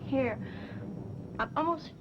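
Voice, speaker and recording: Haunted, high-voiced young woman. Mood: haunted, hesitant. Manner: hesitant, halting. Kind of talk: 1970s TV movie horror-mystery acting. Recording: dull, noisy 1970s TV film soundtrack.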